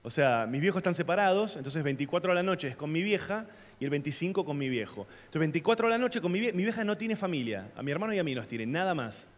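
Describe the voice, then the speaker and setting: A young male Argentine stand-up comedian performs a set on a theater stage at a comedy festival, telling loose, slangy stories in Argentine Spanish with sudden shouted bits. His slightly high voice is expressive and quick. The live recording has long reverb, faint ambience, and audience laughter.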